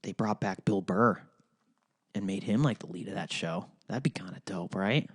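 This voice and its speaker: A young Ohio man with a Midwestern accent hosts a solo podcast, rambling and swearing casually, full of fillers and restarts. His voice is low and slightly breathy, at normal speed, in a dry, clean studio recording.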